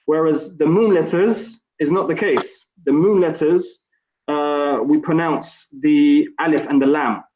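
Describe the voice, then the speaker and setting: A man's voice: on the high side, fairly even intonation, measured pace, a little mellow. A man teaching an online Arabic class, patient and encouraging, explaining pronunciation step by step. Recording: echoey room, slightly dull sound.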